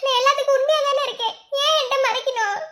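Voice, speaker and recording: A woman voicing a squeaky tearful young wife. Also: steady tone, racing, sharp tone. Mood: upset. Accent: Madurai Tamil. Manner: pleading, sobbing between words. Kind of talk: cartoon voice acting. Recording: cartoon dialogue over background music.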